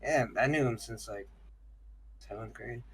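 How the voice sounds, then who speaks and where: Husky young man in joking banter. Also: medium pitch, a little slow. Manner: jokey interjecting. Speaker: podcast co-host. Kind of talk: casual banter.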